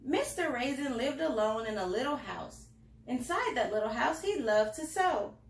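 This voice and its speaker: A woman with a high-pitched, animated voice reads a picture book aloud to children at a library storytime, at normal speed. She reads expressively and adds little asides to her listeners, and the indoor room sounds roomy and echoing.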